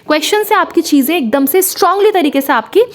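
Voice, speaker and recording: A woman's voice: very high-pitched, animated, fast talker. A young woman teaching as an exam coach, walking viewers through study material in a chatty lesson and checking in often with short asides to the listener. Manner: chatty, repeats "है ना" and "ठीक है" to the listener. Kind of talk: screen-share lesson talk.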